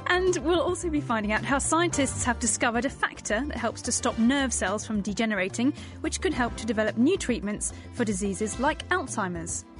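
A British woman co-hosting a science show, reading a script with a bright, curious manner. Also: fairly high pitch, animated, normal speed, hardly any pauses, over music. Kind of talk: scripted radio science presenting.

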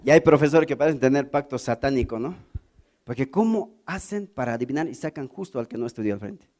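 Lively Bolivian comedian telling jokes. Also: male voice, medium pitch, fast. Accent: Bolivian Spanish. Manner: animated, acts out characters, stammering gags. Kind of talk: stand-up storytelling.

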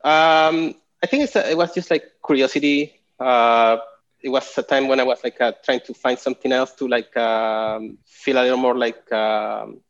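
A man in his forties from Chile, a guest artist talking casually in an interview over a video call, halting with many fillers and restarts. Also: mid-range voice, fairly even intonation. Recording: dull lo-fi call audio.

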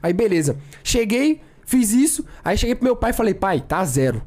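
A man's voice: high-pitched, sing-song, moderate pace, a little mellow. A young man co-hosting a podcast and telling a story in a casual, slangy way, full of repeated filler words. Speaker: podcast co-host.

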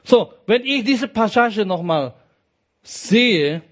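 Slow, emphatic preacher, fairly high voice. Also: male voice, expressive, fairly bright tone. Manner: emphatic, repeats key phrases, asks the congregation "ja?". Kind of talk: sermon.

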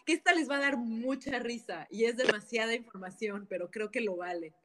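A woman's voice: fairly high pitch, brisk, crowd noise. Candid woman telling stories. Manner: candid, animated storyteller who laughs often. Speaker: guest. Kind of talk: casual storytelling in an interview.

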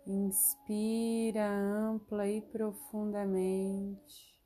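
A woman leading a guided relaxation meditation, giving soothing instructions with long pauses. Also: medium pitch, flat delivery, mellow, soft background music.

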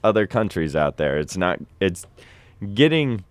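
A man with a very low, unhurried voice hosts a casual sports chat. His delivery is relaxed and rambling, and his sound is clean and resonant in a dry, close space. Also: no room sound. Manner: relaxed, rambling, trails off and restarts. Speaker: show host.

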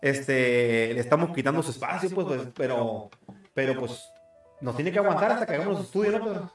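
A man's voice: mid-range voice, lively intonation, a little fast, echoey room, faint music behind. A man hosting a church web show, laughing often as he reads comments aloud in casual chat. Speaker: host of a church online program.

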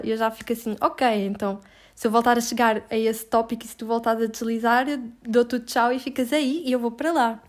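A woman answering interview questions in a casual, blunt way, full of filler words. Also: fairly high pitch.

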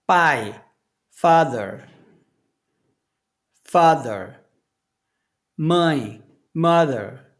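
A man teaching English vocabulary, reading each word and repeating it slowly for learners. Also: fairly high pitch. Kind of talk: vocabulary lesson with slow repetition.

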